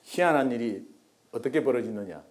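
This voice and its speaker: A man's voice: medium pitch, expressive, a little fast. A middle-aged man from Korea preaching a sermon as pastor, telling a story and acting out the voices of the people in it.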